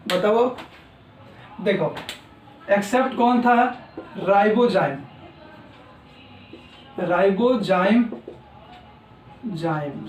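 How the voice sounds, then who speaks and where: A man lectures from some distance away in a room that echoes around his voice. His voice sits high for a man. He talks straight to his students and repeats each key term as he writes it on the board. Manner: talks to students directly, repeats key terms while writing. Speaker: teacher. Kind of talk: exam-prep lecture.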